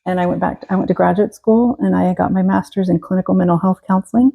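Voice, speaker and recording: A woman in her forties from Texas, a guest telling her story in a relaxed interview, pausing often and restarting. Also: fairly low pitch, gravelly, phone-quality sound. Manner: hesitant, many fillers and restarts. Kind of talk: casual interview.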